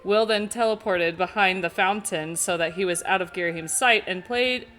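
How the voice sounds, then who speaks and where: Casting note: giggly young woman reading fan fiction aloud, bright and lowish. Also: moderate pace, slight background noise. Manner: giggly and casual. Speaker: co-reader.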